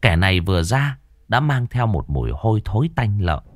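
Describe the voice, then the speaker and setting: A man's voice: on the low side, sing-song, moderate pace, background noise. A man narrating a horror story vividly.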